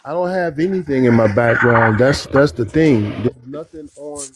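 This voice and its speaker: A man's voice: medium pitch, moderate pace. A man calling into a live stream over a phone whose muffled, underwater-sounding audio keeps breaking up, asking again and again whether he can be heard. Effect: muffled, underwater-sounding phone mic. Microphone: phone joined to a live stream. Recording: muffled, noisy, distant phone feed.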